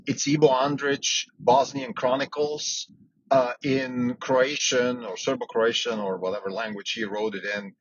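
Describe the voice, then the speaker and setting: A man's voice: mid-range voice, steady tone, unhurried. A man who grew up in Switzerland, hosting a solo podcast and thinking aloud, with frequent fillers and restarts. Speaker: podcast host. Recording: dull lo-fi sound with faint background noise.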